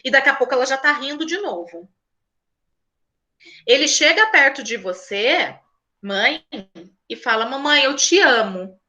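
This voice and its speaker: A woman educator talks to a group of parents in a high, bright, lively voice. She keeps it conversational and checks in with frequent little tag questions. Now and then she acts out a child's words in her examples. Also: unhurried, long pauses. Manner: conversational, asks "né?" often. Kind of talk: talk at a parents' school session.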